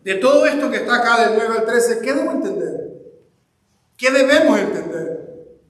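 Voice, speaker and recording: A man preaching a sermon as pastor, impassioned and speaking straight to his congregation, often rising to shouts. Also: extremely high pitch, lively intonation, moderate pace. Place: church hall. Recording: echoey hall with long reverb.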